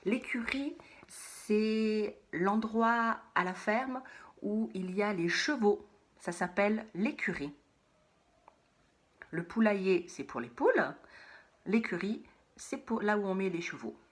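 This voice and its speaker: A woman teaching a phonics lesson to young children, saying words slowly and repeating them, sometimes in a whisper. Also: medium pitch, expressive.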